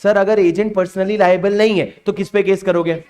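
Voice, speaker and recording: High-voiced man teaching a revision class. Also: steady tone, moderate pace, a little mellow, clean tone. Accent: Indian English. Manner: coaxing, repeats questions to students. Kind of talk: exam revision lecture.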